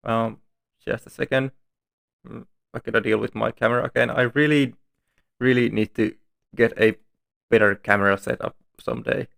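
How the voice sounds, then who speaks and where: A man's voice: medium pitch, steady tone, moderate pace, vocal fry, pauses often, fairly bright tone. A man streaming from home, reading story text aloud and breaking off for chatty, self-deprecating asides.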